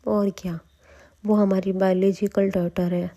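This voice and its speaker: A woman voicing a proud, bitter queen in a slow, flat storytelling recap. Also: medium pitch, natural voice. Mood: cold.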